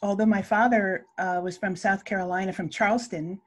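A woman's voice: mid-range voice, steady tone, fairly quick. A woman in her sixties, raised in Hawaii, speaking on a video call panel and hesitating often with filler sounds. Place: home room.

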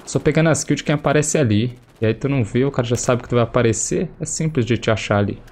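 This gameplay streamer is a young Brazilian man whose voice is still slightly touched by a cold. Talking fast into a headset at medium pitch with a darkish tone, he's chatty and slangy and exclaims at the action, over a little hiss or hum and faint game gunfire and explosions.

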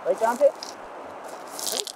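A man's voice: very high-pitched, very animated, drawn-out words. Playful man, noisy outdoor camera audio. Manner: playful, joking. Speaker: vlogger on a camping trip. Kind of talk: casual chat. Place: outdoors at a lakeside campsite. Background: outdoor ambience, dog.

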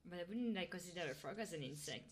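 Talking fast with lively intonation and a lowish voice, a woman chats casually to her live ASMR stream audience, often coaxing her listeners as she checks in on them. The clear buzz of an electric motor from a handheld massager hums behind her.

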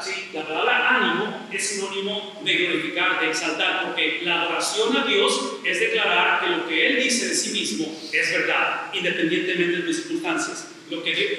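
A man's voice: high voice, sharp tone. Emphatic preaching man in echoey hall. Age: middle-aged. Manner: emphatic, repeats phrases, asks rhetorical questions. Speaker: pastor. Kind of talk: sermon. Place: church sanctuary. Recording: very echoey church hall, voice from far off, faint noise.

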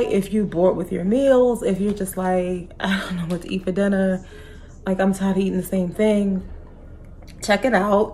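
A woman's voice: medium pitch, darkish tone, a little hiss or hum, rough recording. A woman in her thirties chatting casually on her home cooking vlog, with many fillers. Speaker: vlogger. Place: home living room, indoors.

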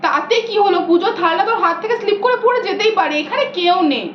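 A skeptical young woman briskly waves away her friend's fears, as a woman acts her out. Her voice is high and bounces around a roomy space. The recording is a bit dull, with faint music behind. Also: lively intonation, slight background noise. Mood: dismissive. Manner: brisk, dismissive reassurance.

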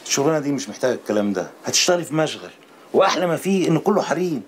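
An actor playing a smooth-talking man who coaxes a poor girl, with an Egyptian Arabic accent. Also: on the high side, big pitch swings, rapid-fire, slight background noise. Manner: coaxing, persuasive. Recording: film music behind.

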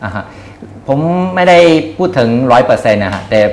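A man in his thirties speaks with a fairly low voice, answering as an interview guest. He is hesitant and breaks his sentences with fillers and repeats. Some room noise sits behind him. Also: sing-song, roomy sound. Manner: hesitant, frequent filler pauses and repeated words. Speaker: company executive being interviewed. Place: small indoor showroom office. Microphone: lapel mic.

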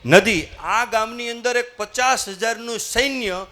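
A male motivational speaker, spinning a folksy tale before a live audience. His voice sits high and rings bright and sharp, and he keeps calling on listeners to answer back. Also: a little slow. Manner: lively folksy storytelling, acting out characters and prompting the audience to answer.

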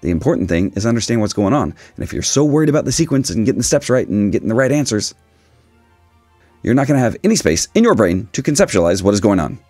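A man in his forties with a raspy voice, giving a casual, opinionated explainer with dry humour. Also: fairly low pitch, sing-song, quick pace, a little mellow, no echo, soft background music. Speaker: video host, statistics teacher. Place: small dim indoor room, seated.

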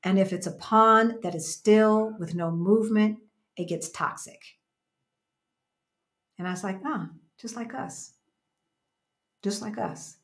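An American woman in her fifties co-hosts a casual livestream from a small room at home, reading viewer comments aloud. Her mid-range voice moves slowly with frequent pauses, and she speaks emphatically, repeating phrases to drive points home.

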